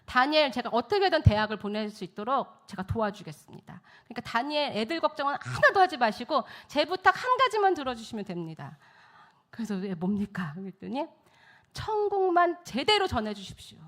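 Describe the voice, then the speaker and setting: A middle-aged woman, a missionary speaker, telling a lively testimony story at a church service, acting out the people she quotes and laughing often. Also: fairly high pitch, a little fast. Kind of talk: testimony sermon.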